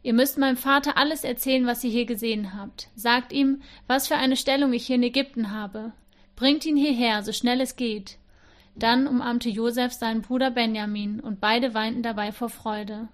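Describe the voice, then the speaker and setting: A woman's voice: on the high side, fairly even intonation, normal speed. A woman reading a Bible passage aloud in church, giving the quoted speakers some expression. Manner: reads with expression, voicing the speakers' lines. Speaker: scripture reader.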